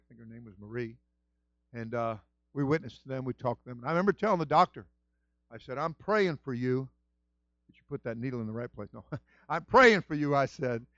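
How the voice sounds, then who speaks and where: A man preaching a sermon as pastor, moving from quiet storytelling to loud shouted praise. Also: medium pitch, dry recording, dull audio.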